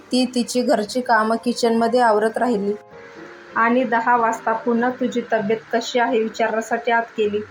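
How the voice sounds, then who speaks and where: Woman doing a fretful older brother going over what happened, flat even voice. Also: on the high side, lightly acted, poor audio. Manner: plain, steady reading. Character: worried elder brother, pleading and reproachful.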